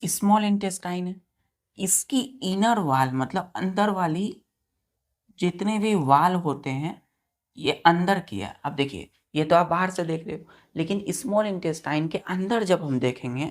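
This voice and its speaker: An Indian woman teacher giving a science lesson. She dictates slowly, spells words out letter by letter and keeps asking her students questions. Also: fairly low pitch, expressive. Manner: quizzes students with repeated questions.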